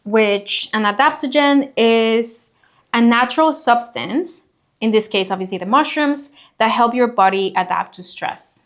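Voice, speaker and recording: A woman's voice: a little high, measured pace. A woman co-hosting a casual podcast, explaining ingredients at length with frequent fillers and restarts. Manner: explanatory, hedging with many fillers. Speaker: co-host. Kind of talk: casual product review chat.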